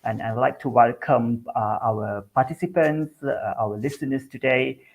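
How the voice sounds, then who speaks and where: Speaking at a measured pace in a husky, medium-pitched voice, a Malaysian man from Sabah teaches English through a friendly webinar talk on a video call. He presents plainly with small restarts, and the recording is rough.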